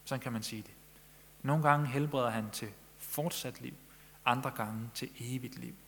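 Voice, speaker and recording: A man's voice: mid-range voice, steady tone, gravelly, fairly bright tone, slight background noise. A man preaching a sermon in Danish-language church style, earnest, pressing his listeners with questions. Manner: earnest, rising emphasis on questions. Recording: long echo of a large hall.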